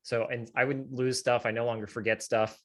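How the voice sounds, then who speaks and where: A man's voice: mid-range voice, little pitch movement, fairly quick, fairly bright tone. A man co-hosting a podcast, rambling thoughtfully in casual conversation. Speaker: podcast co-host. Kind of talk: casual chat.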